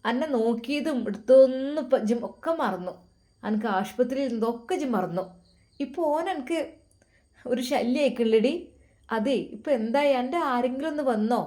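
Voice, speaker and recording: A woman's voice: a little high, lively intonation, moderate pace, dark tone, natural voice. A woman voicing a complaining, self-pitying mother who scolds and grumbles in a Malappuram Malayalam accent. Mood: grumbling.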